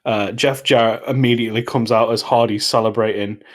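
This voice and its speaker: Man, podcast co-host, relaxed recap chat, mid-pitched. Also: brisk. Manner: relaxed, lays out match events play by play.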